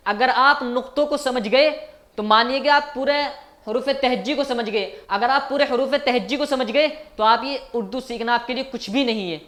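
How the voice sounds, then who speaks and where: A man's voice: extremely high pitch, fairly bright tone. A man teaching as a language teacher in a recorded online lecture, patiently repeating each point and asking his viewers questions.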